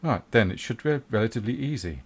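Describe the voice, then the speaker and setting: A man doing a low-voiced, stern provost of mages, formal and curt, for a tabletop game. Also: expressive, breathy edge. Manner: formal, measured, with hesitations.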